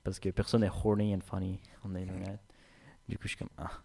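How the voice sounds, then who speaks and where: A man co-hosting a podcast in casual chat, animated, slipping English slang into his French and laughing often. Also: low-pitched, quick pace, vocal fry. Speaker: podcast co-host. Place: studio.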